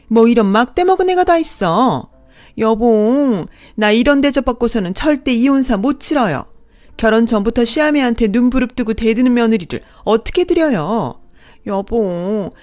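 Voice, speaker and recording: A woman voicing a brash, boastful mistress who acts like the mother-in-law, in a sneering, shrill manner. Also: a little mellow, close to an everyday voice.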